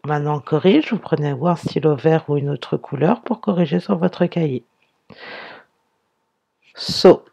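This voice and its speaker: A woman teacher giving a slow dictation lesson, spelling words out syllable by syllable. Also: low voice, gravelly, dark tone, slightly rough, lo-fi sound.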